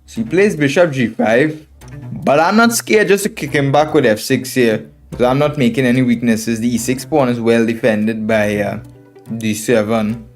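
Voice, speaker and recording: Background music accompanies a Trinidadian man's live game commentary, delivered at a moderate pace in a mid-range voice. He is a chess streamer and instructor from Trinidad and Tobago who reasons aloud, repeats phrases, and treats his viewers as friends.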